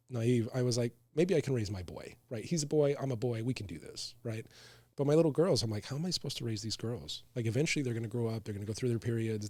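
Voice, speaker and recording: A man's voice: medium pitch, no room sound. A man co-hosting a casual podcast chat, talking frankly and often ending with "right?". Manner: frank, animated, tag questions "right?". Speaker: co-host.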